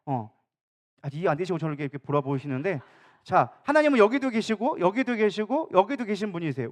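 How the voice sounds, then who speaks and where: A male pastor preaching a sermon in a church, often asking the congregation questions and answering them himself. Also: very high voice. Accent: Korean, Daejeon area. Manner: acts out quoted speakers in a changed voice. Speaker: co-senior pastor. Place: church sanctuary.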